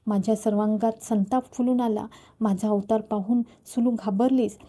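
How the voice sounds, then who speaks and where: A woman's voice: mid-range voice, fairly even intonation, moderate pace, dark tone. A woman storyteller reading a novel aloud in the first person, voicing the dialogue in her own voice with a Marathi accent.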